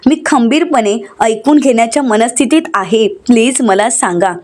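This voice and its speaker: A woman's voice: fairly high pitch, normal speed, a little mellow, lightly acted. A woman voicing an anxious young woman who asks urgent questions. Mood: worried.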